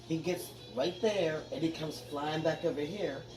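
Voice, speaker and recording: A woman recounting strange happenings in her house in a casual interview, earnest and steady. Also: low voice, measured pace, roomy sound, distant mic, music in the background, poor audio. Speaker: homeowner.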